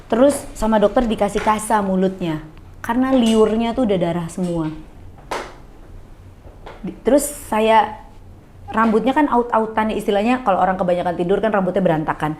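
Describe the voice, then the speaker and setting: A woman's voice: mid-range voice, moderate pace, pauses often, darkish tone, a little hiss or hum. A middle-aged woman speaks as a guest in a coffee bar, telling a heartfelt personal story. She talks earnestly and slips into other people's voices when she quotes them.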